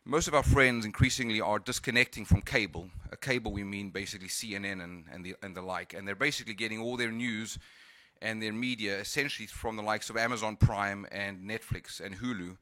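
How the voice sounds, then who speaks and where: This is a conference talk by a man from South Africa whose speech carries both Cape Town and Californian traits. He talks a little fast in a lowish, steady, bright voice with a forceful edge, often hesitating, using fillers and starting over. It's a dry recording.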